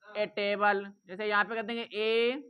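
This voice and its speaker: A woman's voice: medium pitch, level tone, unhurried, clean tone. A woman teaching English grammar in a classroom-style lesson, repeating points and asking the class rhetorical questions. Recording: dull lo-fi recording.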